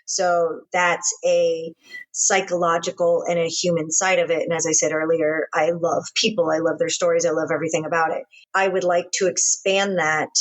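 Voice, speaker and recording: An American woman with a slightly low-pitched voice. She talks as a co-host, casually chatting and sharing personal stories in a conversational style. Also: poor audio. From Florida, US. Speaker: podcast co-host. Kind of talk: casual chat, personal storytelling.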